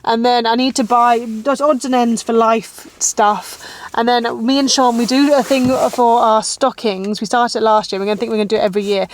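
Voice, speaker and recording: A woman's voice: on the high side, steady tone, normal speed. A woman, a mum of two, rambling through her day in a casual vlog with lots of "like". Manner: rambling, chatty, fillers of "like". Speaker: vlogger mum.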